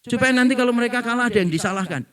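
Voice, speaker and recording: A middle-aged pastor delivers a playful sermon. His voice sits very high for a man and rings bright. He tells stories and mimics the people he quotes to draw laughs. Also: racing, clear, resonant tone, no echo, studio quality. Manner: joking storyteller, acts out quoted people. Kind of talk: humorous sermon to a congregation.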